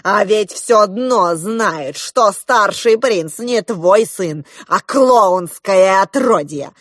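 A woman doing a slow, gloating crab villain. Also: mid-range voice, no echo, clean studio sound, lightly acted. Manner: slow, loud, drawn-out menacing delivery.

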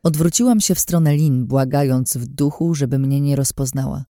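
A woman reading a novel aloud in the first person, her tone mellow and warm. The storytelling is tense and hushed, recorded close with a dry, dead sound. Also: extremely low pitch, moderate pace, dry recording. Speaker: audiobook narrator. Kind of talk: scripted first-person narration.

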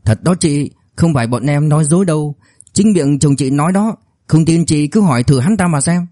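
A man's voice: a little high, brisk, dark tone, no room sound, clean studio sound, natural voice. A man voicing a young debt-collector sidekick who pleads in a wheedling, earnest tone.

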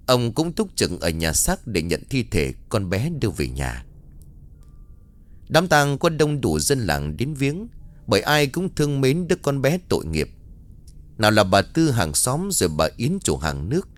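Expressive male ghost-story narrator. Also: medium pitch.

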